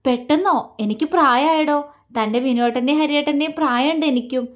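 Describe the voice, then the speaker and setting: A woman voicing a calm young man who speaks softly and gently. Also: sits high, close to an everyday voice. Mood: gentle. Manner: soft, gentle, unhurried. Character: calm young man, soft-spoken groom-to-be.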